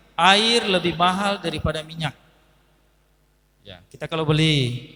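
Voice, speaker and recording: Bright-voiced man preaching in a reverberant hall. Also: fairly high pitch. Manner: storytelling, acting out dialogue, addressing audience as Pak. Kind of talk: sermon.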